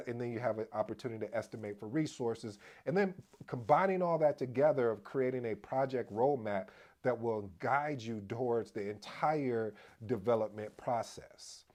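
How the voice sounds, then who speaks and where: A man hosting a casual explainer video on project management, addressing viewers as family, energetic and prone to restarts. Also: medium pitch, moderate pace. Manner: restarts and repeats himself as he talks. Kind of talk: casual explainer talk to camera.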